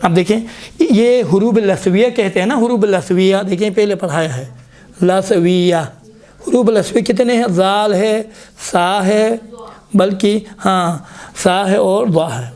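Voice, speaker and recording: A man's voice: sits high, a little mellow. A man teaching a Quran recitation lesson in a classroom, explaining how letters are formed and repeatedly sounding them out as examples. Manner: repeatedly demonstrates letter sounds aloud, prompting "look".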